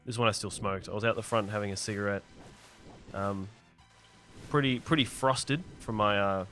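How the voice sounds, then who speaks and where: A man's voice: fairly low pitch, steady tone, normal speed, a bit bright, soft background music. An Australian man hosting a let's play, rambling through a funny anecdote while laughing often. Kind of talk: casual chat over gameplay.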